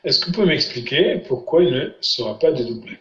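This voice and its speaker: A man's voice: on the high side, very animated, a little fast, a bit bright. Patient male teacher quizzing his students. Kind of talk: online language lesson. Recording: roomy, muffled lo-fi sound.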